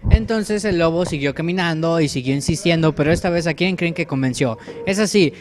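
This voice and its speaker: Mexican man, improvised kids'-tale narrator, casual and self-correcting, slightly high voice. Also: fairly quick, darkish tone. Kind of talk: improvised storytelling while drawing.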